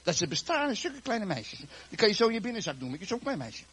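Animated, raspy male preacher. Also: high-pitched, fast talker. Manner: lively, joking storyteller addressing the congregation. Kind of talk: sermon.

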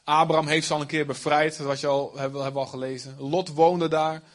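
A man's voice: a little high, little pitch movement, brisk. A man preaching a sermon, explaining the text in plain everyday speech with asides.

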